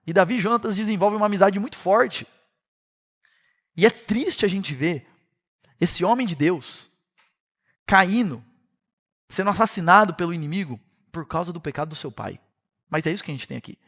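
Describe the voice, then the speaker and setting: A man's voice: high voice, moderate pace, long pauses. A man with a Brazilian Portuguese accent teaching a Bible study series, retelling the story vividly and speaking straight to his listeners. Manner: animated storytelling, addresses listeners directly.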